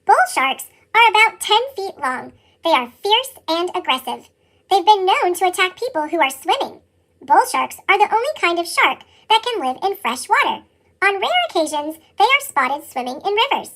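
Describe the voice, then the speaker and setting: A storybook reader reading a nonfiction picture book aloud, with the voice sped up into a chipmunk effect and a steady, even delivery. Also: very high-pitched.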